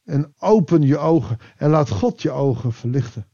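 A man preaching a devotional sermon, reflective and pausing, rising with emphasis and then dropping to a quiet voice. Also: fairly high pitch, animated, dull audio.

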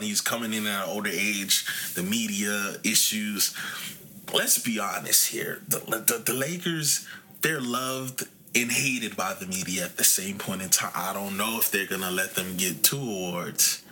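A man in his late twenties hosting a casual sports podcast, animated and talkative, his voice jumping up when he gets excited. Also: lowish voice, unhurried, a little hiss or hum. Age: 20s. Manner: animated, rises to near shouting when excited. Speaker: podcast host.

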